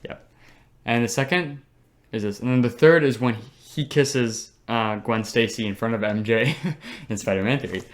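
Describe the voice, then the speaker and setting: A man's voice: medium pitch, normal speed. A young man co-hosting a casual podcast chat, enthusiastic and slangy, teasing his co-host.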